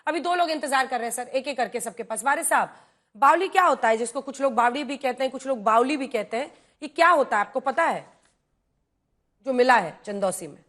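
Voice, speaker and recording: A woman anchoring a televised political debate, brisk and pressing guests for answers while cutting them off. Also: sits high, lively intonation, fairly bright tone. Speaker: news anchor moderating debate.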